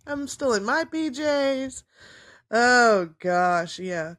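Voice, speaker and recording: A woman's voice: a little high, extremely slow, fairly bright tone. A woman co-hosting a casual podcast from home in her morning voice, chatty and laughing often, with fillers, over a video call. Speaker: podcast co-host. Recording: level drops in and out.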